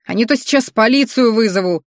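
Shouting scolding old woman played by a woman reader, slow and loud, dry. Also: a little high, no room sound, pitched above the performer's own voice, lightly acted.

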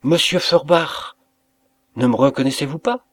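A man's voice: medium pitch, a little slow, natural voice. A man voicing an emotional, grateful innkeeper who speaks in raised, exclamatory bursts. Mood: overjoyed. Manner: effusive, exclamatory.

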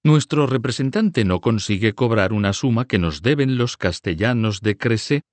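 Man playing a cunning older banker, smooth, persuasive, lively inflection. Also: on the low side, moderate pace, no room sound, pitched above the performer's own voice, natural voice. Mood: instructive. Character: cunning older Italian male banker, soft-spoken.

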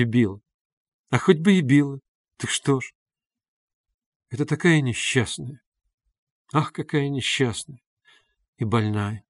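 A man reading a timid, hushed young woman. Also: medium pitch, no room sound, clean studio sound, lightly acted. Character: timid poor young woman, pale and anxious.

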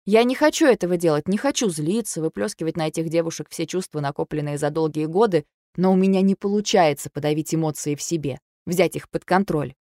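A woman's voice: deep voice, brisk, dark tone, dry recording. Woman, audiobook narrator, first person, intense emotional reading, dry close recording.

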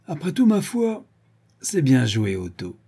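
A man's voice: medium pitch, normal speed, slightly rough, natural voice. A man voicing a brutal, drunken, grandiose male villain who rants and hurls insults, in an audiobook reading. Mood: scornful. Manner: ranting, exalted, shouting insults.

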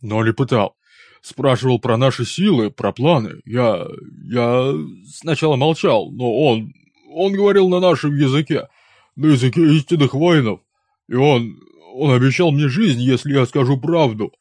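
A man's voice: medium pitch, lively intonation, normal speed, darkish tone, dry recording, studio quality, natural voice. Man putting on a stammering, trembling orc warrior. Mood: frightened. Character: frightened captured male orc warrior. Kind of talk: audiobook character voice.

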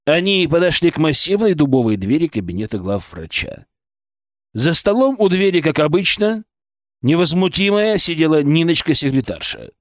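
A man narrating an audiobook in an expressive, ironic storytelling manner. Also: a little high, moderate pace, no echo, clean studio sound. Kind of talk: scripted narration.

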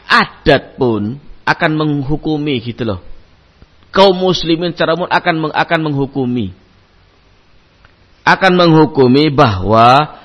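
A male religious teacher delivering a study lecture, his voice riding high and swinging widely in pitch. He quotes Arabic passages and explains them conversationally, often tossing in little fillers. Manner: animated storytelling with acted-out voices; frequent conversational fillers like "naam" and "gitu loh".

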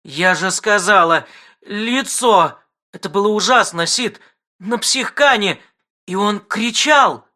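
A man voicing a hysterical, offended wife with shrill, sobbing outbursts. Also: moderate pace, hardly any pauses, sharp tone, full character voice. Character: Cluster, grown woman, hysterical offended wife.

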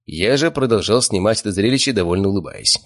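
A man's voice: lowish voice, animated, fast talker. A man reading a first-person audiobook with a dry, sardonic manner. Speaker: audiobook narrator.

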